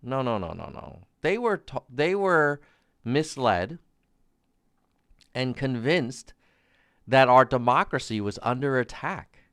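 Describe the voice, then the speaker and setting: A man's voice: mid-range voice, big pitch swings, slow, long pauses, a bit bright, dry recording, studio quality. A man giving live-stream political commentary, reading documents aloud in an emphatic, sarcastic, incredulous debunking manner, repeating key phrases.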